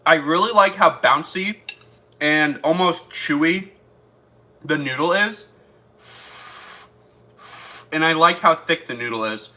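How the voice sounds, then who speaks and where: A man's voice: a little high, animated, slow pace, pauses often, pushed and bright. A man chatting through a casual taste-test vlog, thinking aloud as he eats. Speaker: food reviewer.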